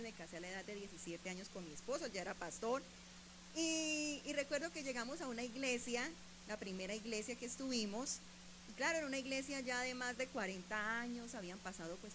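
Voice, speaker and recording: A woman from Bucaramanga with a Colombian accent, preaching a sermon in church as a pastor's wife, moving from soft storytelling to loud, impassioned emphasis. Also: a little high, background noise. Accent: Colombian Spanish. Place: church sanctuary.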